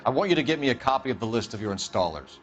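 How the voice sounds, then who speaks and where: A man's voice: medium pitch, very animated, very fast, lo-fi sound, soft background music, close to an everyday voice. A man playing a stern, methodical 1940s police detective in a video game, formal and clipped. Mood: businesslike.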